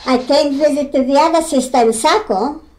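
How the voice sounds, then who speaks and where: Interviewed at home for an oral history, a retired mill weaver from Greece in her nineties talks about her work at the mill. Her high, slightly mellow voice carries a Greek accent, and her speech is halting, full of fillers, with simple non-native grammar.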